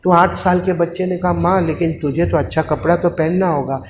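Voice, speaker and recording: Male preacher, dramatic storytelling sermon, hushed to shouting, high voice, long hall reverb. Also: fairly even intonation, a little fast. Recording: echoey hall with faint noise.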